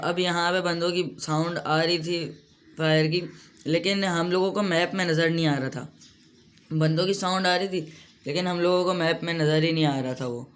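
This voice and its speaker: A young man giving casual, rambling commentary over his own mobile shooter gameplay, often poking fun at his own mistakes. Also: fairly high pitch. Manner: chatty, rambling, self-deprecating. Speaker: gaming YouTuber.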